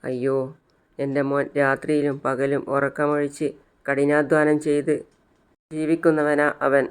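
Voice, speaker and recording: A man voicing an old grandfather in despair over his missing son, slow and mournful. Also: on the high side, completely flat delivery, smooth, close to an everyday voice.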